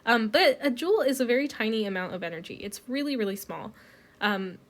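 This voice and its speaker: Her voice is fairly high and a little fast as she records a chemistry lecture, recovering from a cold. She talks through every step in a relaxed way, filling gaps with many ums.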